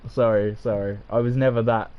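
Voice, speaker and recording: A man's voice: lowish voice, fairly even intonation, fairly quick, clear, resonant tone, lo-fi sound. A man streaming a game and chatting with his viewers in a casual, self-mocking way, often laughing. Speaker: gaming streamer.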